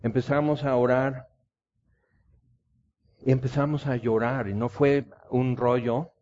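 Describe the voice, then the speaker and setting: Male preacher, impassioned storytelling, mellow tone, lo-fi recording. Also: medium pitch, flat delivery, takes it slowly. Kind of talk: sermon. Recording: dull lo-fi recording.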